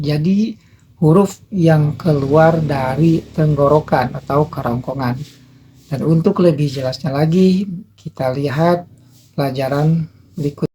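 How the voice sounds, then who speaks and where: A man teaching a beginners' lesson on Quran recitation rules, explaining patiently and drawing out sample phrases slowly. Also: a little high, darkish tone, slight background noise. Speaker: tajwid teacher. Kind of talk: recorded tajwid lesson for beginners.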